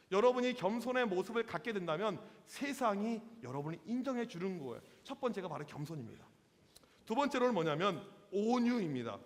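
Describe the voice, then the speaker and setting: A man in his forties preaches to teenagers as a youth pastor, high-pitched and very lively, slipping into playful voices for the stories he tells. His voice rings with the long reverb of a church hall. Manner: lively, acts out quotes in voices, slangy with teens. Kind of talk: sermon to teenagers.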